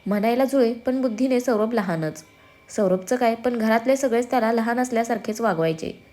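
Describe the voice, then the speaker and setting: Woman reading a story out loud, kinda high voice, steady and descriptive. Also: fairly quick.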